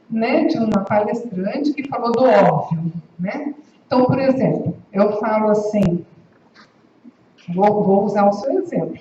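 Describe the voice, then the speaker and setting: A woman's voice: on the high side, warm tone. Woman lecturing in an echoey hall. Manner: conversational, often checking in with listeners. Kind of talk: university lecture. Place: university lecture room. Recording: echoey hall, distant, dull, faint hiss.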